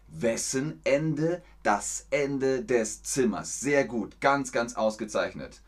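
A man hosting a live language lesson, articulating in crisp, emphatic stage German. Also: mid-range voice, takes it slowly. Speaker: host teaching a livestream language lesson. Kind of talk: live lesson, talking with chat.

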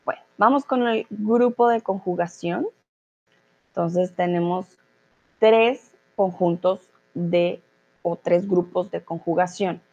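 A woman's voice: fairly low pitch, slow, darkish tone, highs cut off. A woman teaching a Spanish grammar lesson online, explaining patiently and often checking in with her students.

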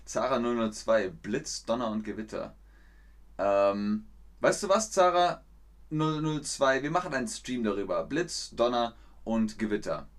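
A man teaching a live-streamed language lesson. He explains slowly and clearly, and his voice sometimes jumps up high with excitement. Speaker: German teacher and livestreamer.

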